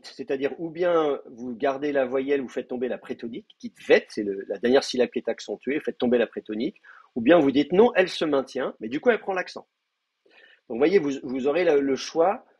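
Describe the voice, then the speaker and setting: Hesitant male teacher, husky voice. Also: mid-range voice, a little mellow, lo-fi sound. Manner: hesitant, many fillers and restarts. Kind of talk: online lecture.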